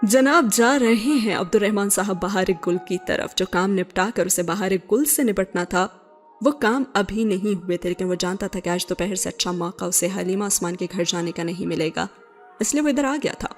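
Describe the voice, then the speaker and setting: Female narrator for a serialized novel, measured and steady, soft music underneath. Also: mid-range voice. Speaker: novel reader. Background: faint background music.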